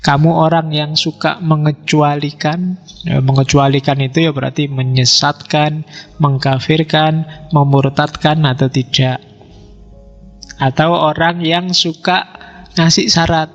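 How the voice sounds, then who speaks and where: A middle-aged man giving a public philosophy lecture, explaining slowly and putting rhetorical questions to his audience. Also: a little high, steady tone. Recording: reverberant hall, dull sound, faint music.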